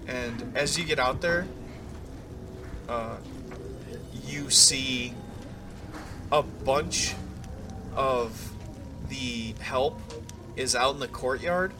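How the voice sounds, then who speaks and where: A man narrating as game master, setting eerie scenes in a measured way with frequent fillers. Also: medium pitch. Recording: music playing clearly behind. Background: background music.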